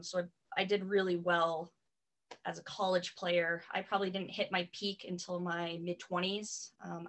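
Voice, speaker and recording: Low, even-toned woman coaching guest. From Connecticut, US East Coast. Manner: steady and matter-of-fact, many "um"s. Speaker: soccer coach and private trainer, podcast guest. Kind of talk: casual interview chat.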